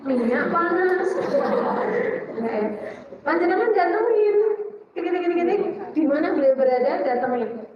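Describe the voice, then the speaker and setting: A woman teacher with a Javanese-tinged Indonesian accent gives a lively religious talk to women, firing off questions and answering them herself. Her voice sits high and bright. She is heard from a distance in a very echoey hall. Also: moderate pace, pauses often, highs cut off, a crowd in the background, background noise. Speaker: Islamic teacher and psychologist.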